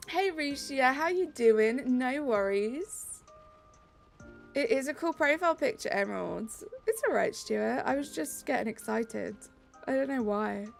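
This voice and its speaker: Over light music, a British woman casually streams a game and reads her viewers' messages aloud with bubbly energy. She has a high, gravelly voice with lively intonation and a measured pace.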